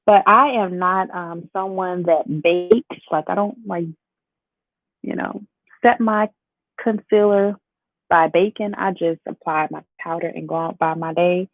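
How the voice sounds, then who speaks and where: A young Chicago woman, a beauty vlogger with a bit of Southern twang, playfully chats with viewers and responds to the chat during a casual makeup tutorial livestream. She's lively and talkative, with a lowish, unhurried voice. The audio is dry and phone-like.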